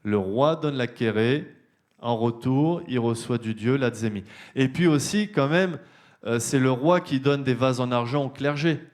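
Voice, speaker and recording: A man's voice: medium pitch, measured pace. A man, an archaeologist, giving a public lecture, explaining step by step with frequent fillers and questions to the audience. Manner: explanatory, many fillers like euh and hein, addresses audience directly. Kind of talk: university lecture. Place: lecture hall.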